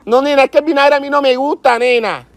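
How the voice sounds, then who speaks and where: A man's voice: extremely high pitch, fairly even intonation, fast talker, background noise, voice pushed up. A man playing a jittery coastal woman on the phone. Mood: frightened. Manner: chatty, says "nena" every line, gets flustered. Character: nervous superstitious Caribbean woman doing a love spell. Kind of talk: comedy sketch, one side of a phone call.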